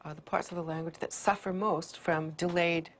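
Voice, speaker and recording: A woman's voice: on the low side, fairly even intonation, moderate pace. A woman researcher explaining brain development confidently in an interview. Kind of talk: interview answers.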